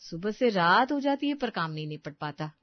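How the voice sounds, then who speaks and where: A woman's voice: mid-range voice, sing-song, normal speed, no room sound, muffled recording, natural voice. A woman voicing a weary young daughter-in-law who complains about endless housework, in a cartoon. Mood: complaining.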